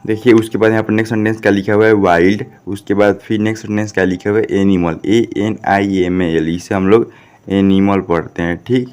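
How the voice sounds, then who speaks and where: A man's voice: fairly low pitch, steady tone, fast, darkish tone, smooth. A man, teaching a classroom English lesson, who spells out words and keeps checking with "ठीक?". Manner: repeats "ठीक?" often, asks and answers his own questions.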